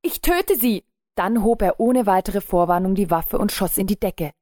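A woman reads an audiobook calmly and in a measured way. Her mellow, dark voice sits at a typical female pitch, recorded close and dry without echo.

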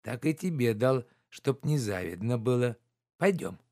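A man's voice: medium pitch, animated, a little slow, mellow, no echo, clean studio sound. A man reading the part of a sly coachman with a knowing, teasing manner.

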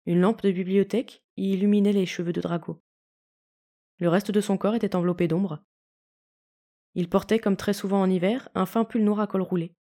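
A woman reading a fanfiction story aloud in calm, even audiobook narration. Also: mid-range voice, moderate pace. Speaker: fanfiction reader.

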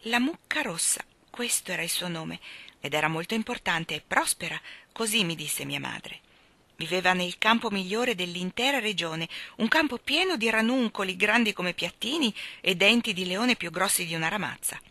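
A woman reading aloud as a strict, proper nanny who tells an old tale in a soft, dreamy way. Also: lowish voice, expressive, normal speed, no room sound, exaggerated voice. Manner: severe, then dreamy storytelling. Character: stern, proper nanny Mary Poppins.

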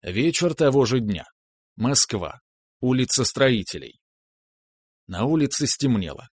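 A man reading a first-person story aloud in a measured, wry storytelling manner. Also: medium pitch, no room sound. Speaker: audiobook narrator. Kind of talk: scripted first-person narration.

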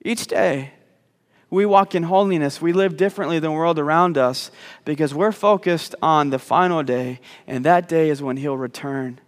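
A man's voice: a little high, normal speed, in a large hall. A male pastor preaching a sermon in a church, talking in a conversational, joking way with frequent false starts and repeated words. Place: church sanctuary.

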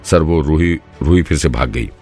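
A man's voice: rumbling low, moderate pace, darkish tone, slightly rough, soft background music. A man doing a nervous junior policeman. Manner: hesitant, nervous. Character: nervous young male police subordinate.

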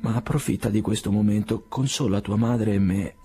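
A man's voice: lowish voice, steady tone, moderate pace, mellow, soft background music, lightly acted. A man reading the part of an elderly father, a country doctor, who pleads with a tremulous, rising voice. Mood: pleading.

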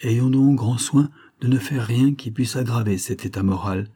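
A man reading as a calm, reasoned colonel. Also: medium pitch, normal speed, slightly rough, pitched above the performer's own voice, close to an everyday voice. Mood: earnest.

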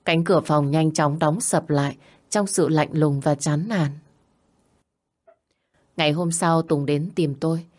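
A woman's voice: low voice, darkish tone. A woman narrating a story in the first person, in an earnest, sorrowful manner.

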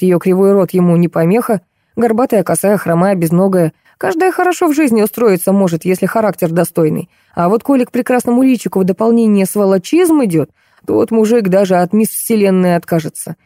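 Woman doing a gruff middle-aged nurse, blunt and contemptuous, mellow low-key tone, dry close sound, audiobook. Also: lively intonation, a little fast, no room sound, lightly acted. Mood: scornful.

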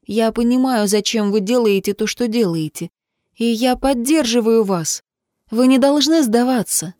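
A woman voicing a stubborn eighteen-year-old girl who talks in a high, insistent, pleading way. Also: normal speed, mellow, no echo, clean studio sound, close to an everyday voice.

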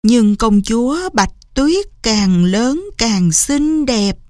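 Slow expressive woman storyteller. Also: fairly high pitch, no room sound, clean studio sound. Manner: expressive, unhurried reading. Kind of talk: storybook narration.

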